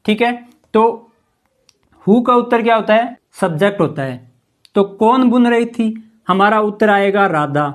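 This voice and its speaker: A man's voice: high-pitched, expressive, unhurried. Patient male grammar teacher. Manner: patient, keeps asking the class rhetorical questions and saying "ठीक है". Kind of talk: explanatory classroom lesson.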